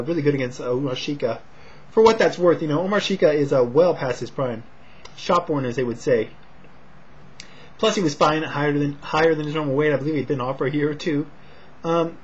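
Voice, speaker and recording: Here an American man from Sacramento, California, an amateur boxing commentator and vlogger, offers a hesitant, low-key fight preview and prediction straight to camera. His voice is soft with a breathy edge, and he seems slightly short of breath, captured on a dull, lo-fi home recording.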